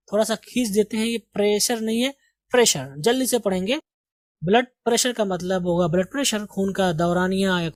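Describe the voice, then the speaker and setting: A woman's voice: medium pitch, no echo. Lady teacher going over english words one by one, asks and answers herself, dry mic. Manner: slow, deliberate pronunciation drills with quiz questions. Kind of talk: vocabulary lesson.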